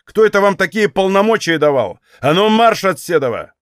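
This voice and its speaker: A man's voice: a little high, lively intonation, moderate pace, no echo, studio quality, close to an everyday voice. A man voicing a composed young Cossack officer who speaks in curt, scornful threats in an audiobook. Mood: commanding.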